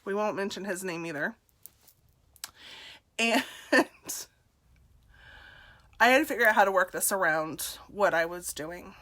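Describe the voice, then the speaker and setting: A woman's voice: medium pitch, a little slow, long pauses, fairly bright tone. A woman in her forties telling her personal story to the camera, candid and self-deprecating, laughing often. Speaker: nurse and direct seller.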